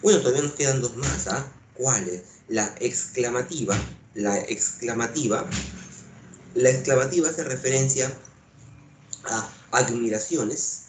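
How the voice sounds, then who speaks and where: A man's voice: mid-range voice, measured pace, a little hiss or hum. A man teaching a language class, repeating each point and asking rhetorical questions. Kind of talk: lively classroom lecture. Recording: echoey room.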